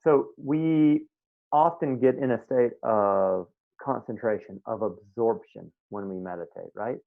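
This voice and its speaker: This meditation teacher has a gravelly, mid-range voice and a measured pace, speaking to his class live over a video call. The sound is tinny like a phone, and his casual manner includes frequent checks that students are with him.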